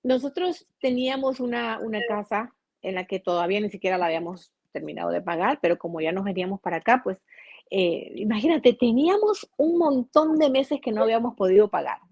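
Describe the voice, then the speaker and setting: A woman's voice: mid-range voice, a little fast, no room sound, dull audio. Earnest Ecuadorian woman telling a story. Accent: Ecuadorian Spanish. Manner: earnest, animated storytelling with frequent restarts. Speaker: guest, journalist. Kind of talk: casual storytelling interview.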